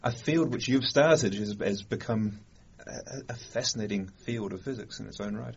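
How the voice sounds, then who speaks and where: A man hosts a science interview, pausing and restarting as he shapes his questions. His voice is lowish and husky. The sound is dull and lo-fi. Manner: halting, searching for words. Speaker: podcast interviewer. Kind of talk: conversational interview.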